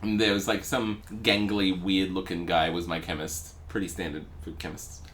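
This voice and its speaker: A man's voice: deep voice, little pitch movement, normal speed, a bit bright, a little hiss or hum. A man co-hosting a podcast, rambling and laughing through a casual anecdote. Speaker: podcast co-host. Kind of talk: casual chat.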